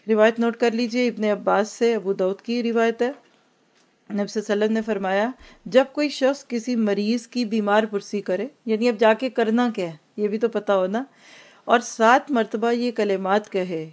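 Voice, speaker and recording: A woman teaching an Islamic lesson, mixing English words into her talk and slowly reciting Arabic phrases for the class to repeat. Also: a little high, steady tone, darkish tone. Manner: Urdu-Hindi mixed with English words. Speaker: religious teacher.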